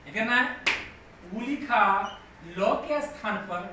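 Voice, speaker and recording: This male grammar teacher, working live online, has a very high-pitched voice with lively intonation and a slow pace. Step by step, he patiently repeats himself and keeps making sure his students follow along. Faint background noise, a very echoey room, and distance from the mic shape the recording.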